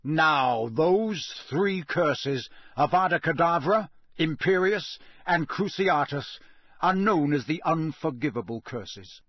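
A man voicing a gruff, intense old professor in an audiobook, growling out stern, emphatic warnings. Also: a little high, expressive, slow pace, a bit bright, no echo, clean studio sound, voice pushed up, full character voice. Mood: stern, urgent. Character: gruff old battle-scarred male professor, intense and commanding. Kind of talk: audiobook character voice.

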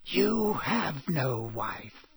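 Storybook villain: inhuman dark lord, high breathy voice, cold menace, very drawn-out, swooping delivery. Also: male voice, very animated, dry recording, full character voice. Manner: slow, drawn-out, coolly imperious. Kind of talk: audiobook character voice.

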